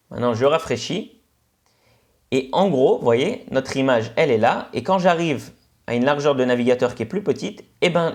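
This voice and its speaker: A man with a Senegalese French accent teaching a web coding lesson over a screencast, in a relaxed explanatory way full of "ok" and "euh" fillers. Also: medium pitch. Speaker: instructor.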